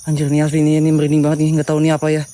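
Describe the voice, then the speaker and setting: A man's voice: on the high side, monotone, racing, warm tone. An Indonesian man hosting a ghost-hunting vlog outdoors, nervously commenting and muttering prayers as he goes. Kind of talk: live paranormal exploration commentary. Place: outdoors at night among trees. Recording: noisy outdoor recording with night insects. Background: crickets and insects.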